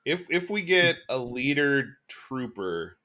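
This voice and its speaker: A man's voice: medium pitch, very animated, slow, pushed and bright. A man hosting a casual podcast chat about a card game, laughing often and moving the talk along. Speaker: podcast host.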